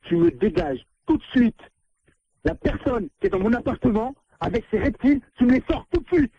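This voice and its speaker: Irate man on a phone line, husky and fast, insistent. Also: extremely high pitch, lively intonation, no room sound. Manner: angry, insistent, repeating himself. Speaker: prank call victim, landlord. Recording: muffled dry phone line.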